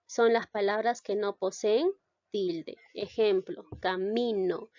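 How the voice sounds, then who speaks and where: Slow-talking woman teacher going over syllables, asks the class questions, dull dry recording. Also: medium pitch, fairly even intonation, darkish tone, no echo. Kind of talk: spoken grammar lesson.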